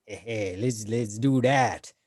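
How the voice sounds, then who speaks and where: A man's voice: on the low side, slow, a little mellow, no room sound. A man chatting casually as a player in a tabletop role-playing game.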